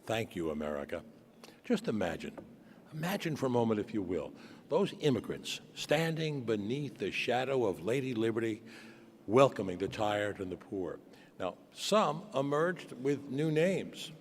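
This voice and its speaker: Male ceremony host, mid-pitched, formal dramatic oratory, long hall reverb, faint noise. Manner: dramatic, deliberate oratory with pauses. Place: great hall before an audience.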